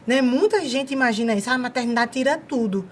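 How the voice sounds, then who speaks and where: High-voiced Northeastern Brazilian woman, encouraging. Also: fast talker, slight background noise. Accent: Northeastern Brazilian Portuguese. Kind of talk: casual talk-show chat.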